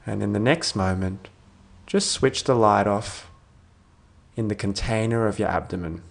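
A man speaks as a sleep story narrator guiding a meditation, in a low voice with a creaky, gravelly edge. He goes very slowly, setting down short, soothing phrases with long pauses. The ends of his phrases soften and sink away gently.

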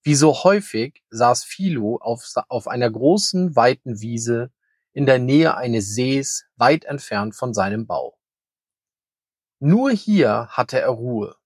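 A man reading a children's story aloud in a calm, measured way. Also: mid-range voice, no room sound, studio quality.

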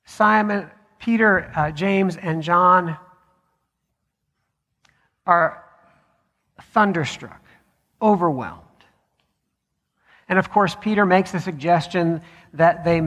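A man preaching a sermon as pastor, measured, with deliberate pauses. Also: fairly high pitch, a bit bright. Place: church sanctuary. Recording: long hall reverb.

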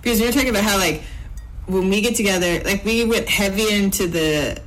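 Quick-talking woman podcast host. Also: mid-range voice, fairly bright tone, poor audio. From California. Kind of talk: casual podcast conversation.

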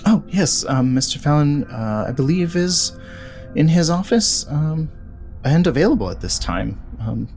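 A man's voice: on the high side, sing-song, a little slow, creaky, darkish tone, faint music behind, voice pushed up, full character voice. A man voicing a courteous female university secretary in a tabletop role-play game. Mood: polite. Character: polite young-ish female university secretary.

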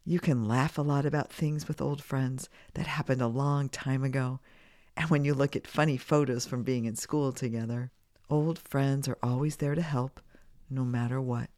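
A woman's voice: very deep voice, steady tone, normal speed, a little mellow, no echo, studio quality. A middle-aged woman from the United States hosting a children's podcast in simple scripted narration, her voice slightly scratchy as she gets over a cold. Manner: simple, clearly phrased address to children.

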